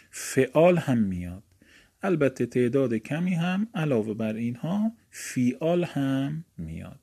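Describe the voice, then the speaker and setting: Persian-speaking male grammar teacher, mellow tone, recites paradigms then explains casually. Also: fairly low pitch. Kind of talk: recorded lesson.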